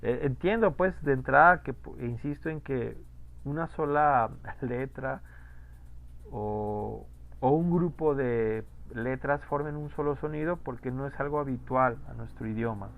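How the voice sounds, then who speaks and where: A man's voice: medium pitch, measured pace, vocal fry, phone-quality sound. A man teaching French pronunciation in an online class, patiently repeating rules and asking students questions.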